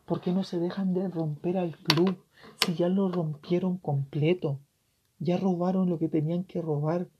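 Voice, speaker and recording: A tearful man with a Chilean accent hosting a solo podcast, ranting passionately and swearing, his voice swinging from loud to hushed. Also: high voice, a little hiss or hum. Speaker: podcast host. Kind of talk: emotional solo podcast rant. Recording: dull lo-fi recording.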